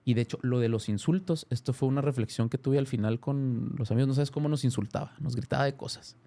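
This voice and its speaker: This Mexican-accented man in his thirties talks fast at medium pitch, with vocal fry. As a guest in a casual interview, he relates a story animatedly and keeps restarting and fixing his words.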